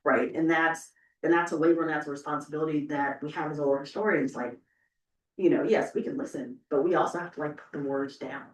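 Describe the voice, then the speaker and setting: On a panel in an indoor event room, a woman oral historian talks conversationally in a low, slightly fast voice. She's emphatic and keeps checking in with "right?". The room is echoey and the microphone distant.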